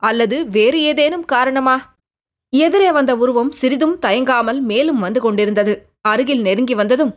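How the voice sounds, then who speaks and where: A woman narrating a novel as an audiobook, in a measured, dramatic style. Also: high voice.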